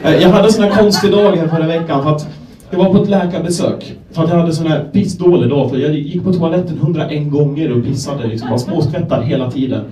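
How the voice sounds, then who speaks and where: A young Swedish man from Gävle doing a stand-up set, telling self-deprecating stories in a deadpan way and acting out the people in them. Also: fairly high pitch, hardly any pauses. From Sweden, Gävle. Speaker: stand-up comedian. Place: comedy club stage. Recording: echoey club room, voice from a distance.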